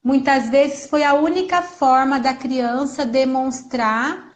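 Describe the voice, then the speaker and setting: A woman talking earnestly about parenting in a casual conversation, sometimes acting out what a gentle mother would say. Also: high voice, fairly even intonation, slow pace. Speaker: guest speaker on parenting.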